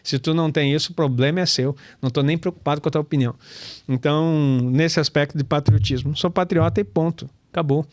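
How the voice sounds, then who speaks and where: A man's voice: fairly high pitch, steady tone, quick pace, dry recording. A man, teaching scripture in a casual, chatty way, calling listeners brother and laughing often. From Brazil. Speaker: pastor and Torah teacher.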